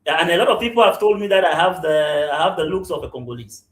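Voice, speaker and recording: A Cameroonian man, a real estate general manager, talks fast in a fairly high, animated voice. Calling remotely into a live podcast, he answers interview questions, often checks "you understand?" and restarts his sentences, with a roomy echo on the recording.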